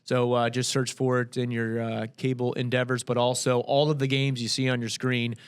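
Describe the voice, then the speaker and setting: A man's voice: medium pitch, little pitch movement, moderate pace, clean tone. A man co-hosting a casual local sports show, rambling and self-correcting as he previews games.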